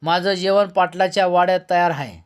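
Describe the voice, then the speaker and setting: A man reading a novel aloud, voicing a stern young male police officer who speaks earnestly and questions sharply. He uses his own fairly high voice. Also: steady tone, a little fast, smooth, close to an everyday voice.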